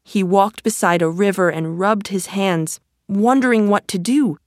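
A woman reading a storybook aloud as narrator, slow, clear and measured. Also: mid-range voice, dry recording, studio quality.

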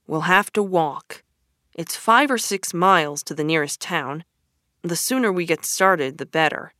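A woman's voice: on the low side, unhurried, dry recording, clean studio sound. A woman voicing a sensible male water rat who speaks firmly and matter-of-factly, sometimes sharply. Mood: brisk. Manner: firm, matter-of-fact, sharp.

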